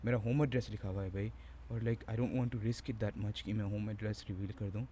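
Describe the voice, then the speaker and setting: A man's voice: fairly low pitch, steady tone, normal speed, warm tone, a little hiss or hum. Rambling, joking young man. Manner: rambling, self-mocking, slangy and crude. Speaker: vlogger. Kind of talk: casual joking chat to camera. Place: at home.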